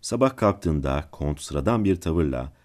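A man reading a classic story aloud as a channel's narrator, calm and measured. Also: very deep voice. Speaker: audiobook narrator and channel host.

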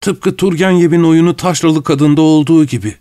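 A man reading an audiobook, voicing a fawning middle-aged widower who speaks in a shrill, affected, theatrical way. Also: a little fast, dark tone, smooth, natural voice. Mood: gushing. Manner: gushing, theatrical, overly familiar.

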